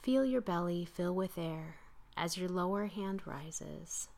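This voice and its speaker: A woman guiding a slow breathing meditation in a calm, soothing voice, often sinking into soft whispers. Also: fairly low pitch. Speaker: meditation guide.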